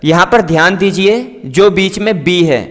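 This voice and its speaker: Male English teacher, high voice, unhurried, patient word-by-word drill, echoey room. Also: fairly bright tone. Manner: repeats each word and its meaning twice, patient and explanatory. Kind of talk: slow vocabulary drill lesson.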